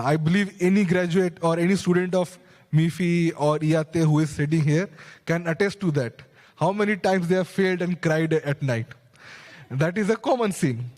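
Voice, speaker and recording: A young man speaks earnestly on a conference panel, working through his points with quick restarts and asides. His voice sits a little high, and the handheld mic picks up a long reverb from the big hall around him. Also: darkish tone. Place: large conference stage hall.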